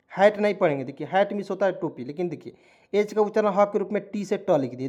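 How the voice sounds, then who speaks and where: A man's voice: sits high, a little mellow. Man spelling out a vocabulary lesson. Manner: spells words out letter by letter and repeats meanings; keeps calling viewers friends and checking in. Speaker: English teacher.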